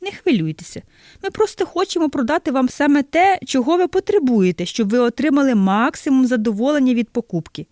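A woman's voice: animated, brisk, a little mellow, no echo, clean studio sound. A woman voicing an overly polite, smiling male shop assistant, speaking in a sugary, courteous way. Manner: sugary and courteous, higher pitched.

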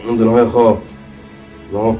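Man as swindling nephew, Egyptian Arabic accent, rapid speech, echoey room, mic far off. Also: on the low side, flat delivery, lo-fi sound, faint music behind, natural voice. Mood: coaxing. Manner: coaxing then dismissive. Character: scheming young nephew, smooth-talking swindler. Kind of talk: amateur drama skit.

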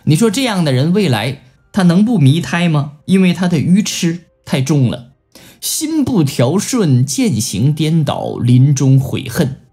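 A man's voice: fairly high pitch, unhurried, husky, soft background music. A man giving a Buddhist scripture lecture, telling stories and acting out the people he quotes. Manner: animated storytelling with acted-out quotes. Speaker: Buddhist teacher.

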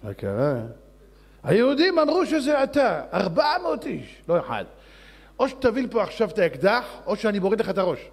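A man's voice: a little high, few pauses, darkish tone, long reverb tail, close to an everyday voice. A man voicing a hot-tempered king who barks out commands and threats. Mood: commanding. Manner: commanding, barking orders.

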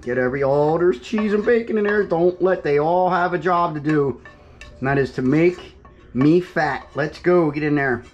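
A middle-aged man from New Jersey talks straight to his viewers while he cooks a meal. His voice sits a bit high for a man, and his chat stays chatty and upbeat. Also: normal speed, lo-fi sound. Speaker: fishing vlogger. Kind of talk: casual cooking vlog.

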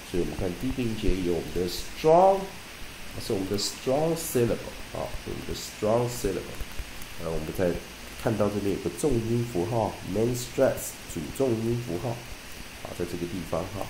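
A man with a lowish voice teaches English pronunciation, reading dictionary entries slowly and deliberately. He then explains using many repeated terms and "ah" fillers, in an echoey room with a noisy background.

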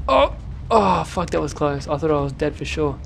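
A man commentating gameplay, swearing constantly and shouting at sudden deaths in a noisy home recording. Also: a little high, very animated, moderate pace, gravelly. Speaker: let's play gamer.

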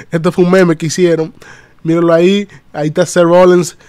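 Greeting his chat as he goes, a man gives a lively, talkative wrestling recap on a live stream. He speaks at a moderate pace in a smooth, slightly high voice, recorded close and dry with no room echo.

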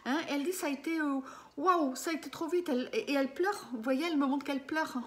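With a high, fairly bright voice and a fast delivery, a medium in her fifties reads live for a client over her desk webcam from a small room. She hesitates, fills gaps with fillers, and keeps checking in, while a little hiss or hum sits under the audio.

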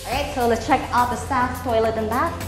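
Touring a big, vacant townhouse indoors, a young woman from the Philippines talks her viewers through each room with cheerful sales energy. She speaks a little fast in a fairly high voice with fairly even intonation, competing with loud music. Empty rooms make the audio echo.

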